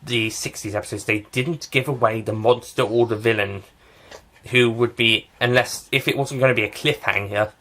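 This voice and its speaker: A man's voice: mid-range voice, fairly even intonation, moderate pace, pushed and bright. A man giving a casual spoken review of a TV series, rambling and often restarting and correcting himself.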